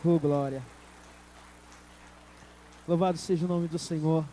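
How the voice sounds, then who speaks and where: A man's voice: fairly high pitch, fairly even intonation, a little slow, dark tone. A man with a Brazilian Portuguese accent preaching a sermon as pastor, calling out to the congregation. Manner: preaching with call-and-response to the congregation.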